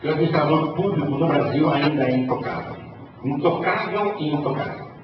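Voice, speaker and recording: A man with a Brazilian Portuguese accent giving a conference lecture as a panelist, telling wry stories in a lively way. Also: on the high side, fairly quick. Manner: lively storytelling, wry humour. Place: large conference hall. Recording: echoey hall, distant dull mic, noisy.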